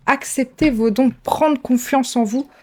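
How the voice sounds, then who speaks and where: A woman tarot reader speaking directly to her viewers in a relaxed, chatty way, full of fillers and self-mocking asides. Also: high voice, a little slow. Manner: chatty, laughs at herself, many fillers. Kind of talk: casual tarot reading to camera.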